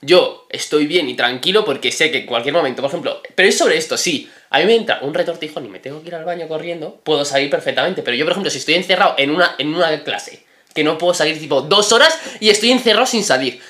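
A man's voice: a little high, animated, fast talker, sharp tone. A young man co-hosting a casual podcast, telling rambling, anxious stories. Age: young adult. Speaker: podcast co-host. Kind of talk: casual chat.

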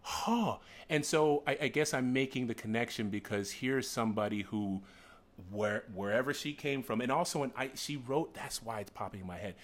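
A man interviewing casually as host, with animated, rambling, digressive storytelling. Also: medium pitch, a little fast.

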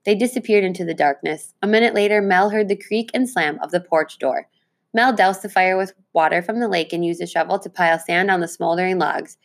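Teacher reading a chapter book aloud to students, lowish voice, clear and expressive. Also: female voice, fairly quick.

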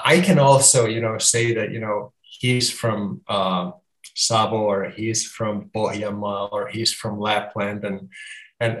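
Guest author, Finnish accent, slow and deliberate, halting restarts, echoey room. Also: male voice, fairly low pitch, a bit bright. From Finland. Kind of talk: casual conversation.

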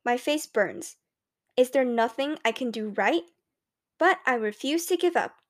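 Woman, audiobook narrator, first-person story reading, clear and expressive, high voice. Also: measured pace.

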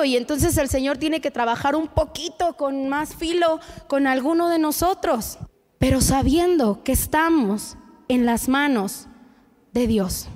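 A woman's voice: sits high, long reverb tail. A woman preaching a sermon in an earnest, conversational way, speaking straight to the listener.

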